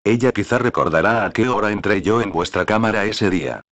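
A calm, warm-hearted king speaks with measured, reassuring authority in an audiobook. A man reads him in a deep, low voice. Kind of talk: audiobook reading.

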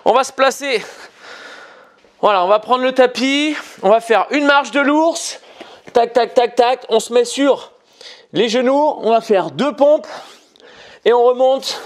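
A man's voice: very high-pitched, a little hiss or hum. A man coaching a home workout class, encouraging the viewer and counting out reps. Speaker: fitness coach. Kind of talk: guided home workout instruction.

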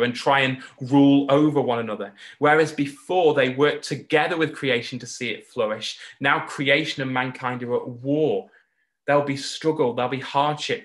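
Male preacher, mid pitch, earnest and heartfelt, slow emphatic pauses; online worship sermon. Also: a bit bright. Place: home recording for an online service.

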